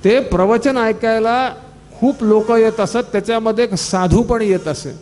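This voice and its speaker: A man with a Marathi accent giving a devotional discourse, telling a parable and acting out the characters' lines in animated quoted dialogue. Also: high voice, measured pace, big-room sound, a little hiss or hum. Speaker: scripture discourse speaker.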